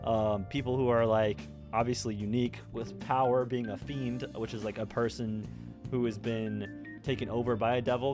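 An excitable young man talks casually from a home room, reacting to an anime and laughing between thoughts. His voice is mid-pitched, and faint music plays behind him. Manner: excitable, laughs often, bursts into loud exclamations. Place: home room with a red-walled display shelf, indoors.

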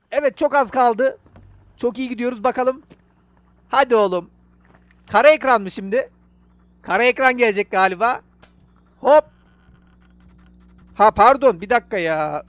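A man's voice: extremely high pitch, dry recording, dull audio. A young man giving casual gameplay commentary, chatting to the game character and to viewers. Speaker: gaming YouTuber.

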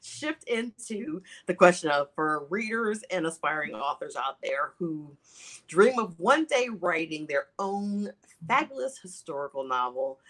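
A woman's voice: low-pitched, fairly bright tone. A woman hosting a casual chat over a video call, enthusiastic and chatty. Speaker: host.

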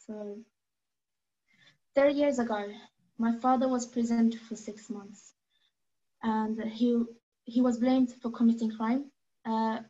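A woman's voice: fairly high pitch, mellow. Earnest teenage girl on a muffled call. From Norway. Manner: earnest, measured, with frequent hesitations. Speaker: speaker giving testimony. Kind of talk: prepared personal testimony. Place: room at home, indoors. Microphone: video call. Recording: muffled video call audio.

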